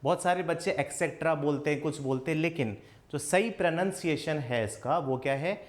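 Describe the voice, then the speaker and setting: A man teaching English grammar in a coaching class. He keeps asking questions and answering them himself, and he says his English examples slowly. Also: fairly high pitch. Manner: slow, spelled-out English examples. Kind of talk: classroom lesson.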